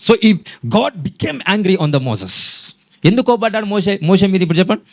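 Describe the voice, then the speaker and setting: A man's voice: sits high, normal speed. A man preaching a sermon, quizzing the congregation and mixing in English phrases. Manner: animated preaching, quizzing the congregation, switching between Telugu and English.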